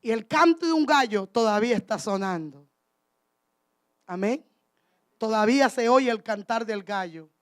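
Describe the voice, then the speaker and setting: A woman's voice: fairly high pitch, lively intonation, moderate pace, long pauses. A woman preaching a sermon, speaking emphatically and calling out to her congregation.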